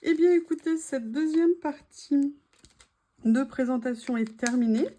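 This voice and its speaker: A woman chatting casually to her viewers while unboxing craft supplies, gushing softly and adding small asides. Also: high-pitched, unhurried. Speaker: craft vlogger.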